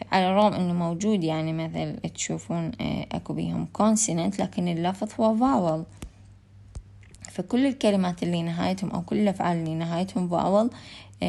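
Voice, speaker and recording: A woman's voice: on the low side, vocal fry, warm tone. A woman with an Iraqi Arabic accent lecturing on English pronunciation, switching between Arabic and English with frequent hesitations. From Iraq. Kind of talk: recorded online lecture.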